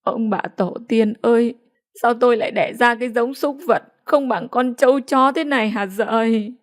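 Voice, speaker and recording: A woman voicing an old village mother who scolds loudly and wails in grief. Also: on the high side, fast, no echo, studio quality, lightly acted. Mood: wailing. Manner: scolding and wailing.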